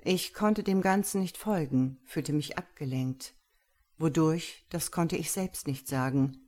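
A woman reading a story aloud in the first person, calm and even. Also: deep voice, measured pace. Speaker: audiobook narrator. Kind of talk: scripted narration of a story.

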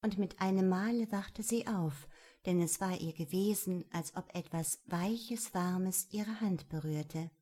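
A woman narrating a children's storybook in a measured, gentle storytelling manner. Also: on the low side, breathy edge. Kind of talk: storybook reading.

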